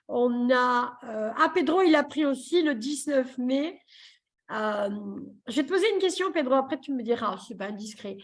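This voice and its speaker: Speaking into a computer mic on a video call, a woman therapist hosts a live session that feels like a casual chat. Her voice sits high and is expressive at a normal speed, and she jokes a lot and uses many fillers.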